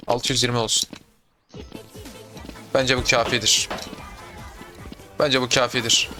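A young adult man doing casual gameplay commentary, excitable, talking to himself and viewers with sudden yelps. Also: mid-range voice. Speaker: gaming YouTuber.

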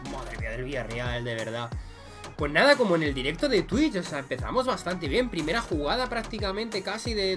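A young man with a Spain Spanish accent giving excited gameplay commentary as a gaming YouTuber, swinging between muttered remarks and loud shouts. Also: sits high.

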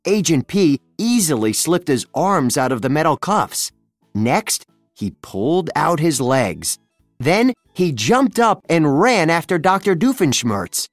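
A children's storybook narrator reading aloud with a lively, up-and-down delivery. The voice is dry and close, with faint music playing softly underneath. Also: mid-range voice, a little slow, no echo. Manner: expressive storytelling. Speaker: storybook reader.

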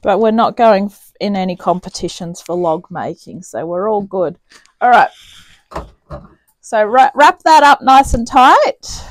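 Her voice sits at medium pitch with lively intonation and an unhurried pace, captured without echo but in low quality. She's a New Zealander hosting a home cooking channel, chatting casually and talking herself through every step in her kitchen, heard via a camera mic placed to one side.

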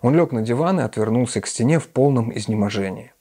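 Husky male audiobook narrator. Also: medium pitch, lively intonation, fast talker, mellow. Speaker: reader. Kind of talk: audiobook reading.

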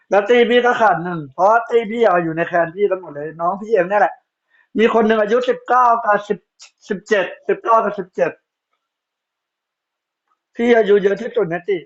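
Streamer, male, 20s: very high voice, slangy and foul-mouthed, casual chat, muffled lo-fi sound. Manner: blunt, slangy and profane. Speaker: game streamer. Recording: dull lo-fi stream audio.

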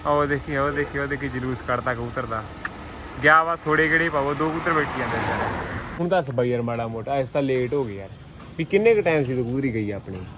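A man with a Malwai Punjabi accent giving casual vlog commentary outdoors, complaining bluntly in rough village banter and repeating his words. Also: mid-range voice, fast. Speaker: vlogger at pigeon-flying contest. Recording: noisy outdoor village ambience.

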